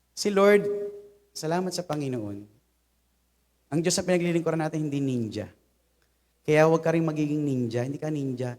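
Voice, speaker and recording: A young Filipino man gives a humorous, conversational sermon full of lively personal stories. His voice sits a little high for a man. The sound carries a long reverb from a church hall. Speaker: preacher.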